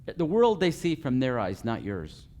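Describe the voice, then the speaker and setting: A man's voice: mid-range voice, wildly swooping pitch, measured pace, warm tone. A man giving a live customer service training, working through a numbered list and checking in with the group with frequent okays. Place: meeting room with a live audience.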